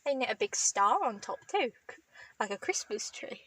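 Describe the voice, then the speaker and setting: A woman's voice: fairly high pitch, lively intonation, moderate pace, a bit bright, dry recording, rough recording. Teasing woman in a dry, close room. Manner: teasing storyteller, crude jokes. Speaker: podcast co-host. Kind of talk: casual chat.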